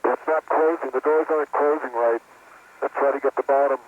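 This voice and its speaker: A man's voice: medium pitch, steady tone, a little fast. A man, an astronaut at work on a spacewalk, talking through tasks over astronaut radio. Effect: space-to-ground radio. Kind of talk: astronaut radio, working task talk. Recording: tinny noisy spacesuit radio link.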